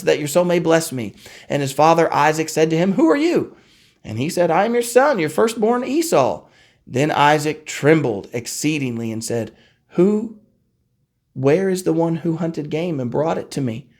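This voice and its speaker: A man with a fairly high-pitched voice leads a relaxed Bible study as a pastor. He reads passages aloud, trips over a word now and then, and turns to his listeners with questions. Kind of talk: conversational Bible teaching.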